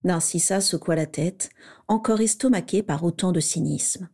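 A woman reading a story aloud in a measured, even narration. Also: on the low side, breathy edge. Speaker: reader.

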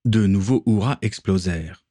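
A man reading a story aloud, narrating in an even, measured way. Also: lowish voice, no room sound, clean studio sound.

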